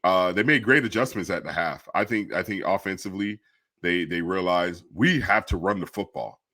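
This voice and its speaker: A man's voice: sits low, moderate pace, sharp tone, no room sound, studio quality. A man co-hosting a casual college football talk show, giving blunt, opinionated takes. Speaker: co-host.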